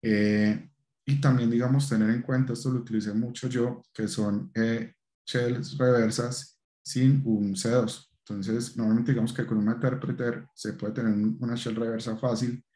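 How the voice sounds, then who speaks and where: A man's voice: mid-range voice, little pitch movement, moderate pace, dark tone, reverberant. A man giving a technical meetup presentation over a video call, hesitant with many fillers and restarts.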